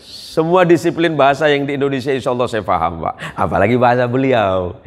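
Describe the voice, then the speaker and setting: A man's voice: mid-range voice, fast. A male Islamic preacher giving a humorous religious lecture to a gathering in a large hall, bantering and joking with the audience. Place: large hall at a police headquarters.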